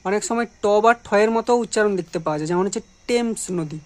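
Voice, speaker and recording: A woman's voice: medium pitch, very fast. A woman teacher explaining English letters and sounds, patiently asking questions and answering them herself. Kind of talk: grammar lesson.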